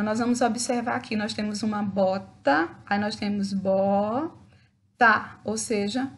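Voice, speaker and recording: A woman's voice: on the high side, gravelly. A Brazilian woman teacher giving a recorded lesson to schoolchildren, patiently spelling out words syllable by syllable and checking in after each point. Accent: Brazilian Portuguese.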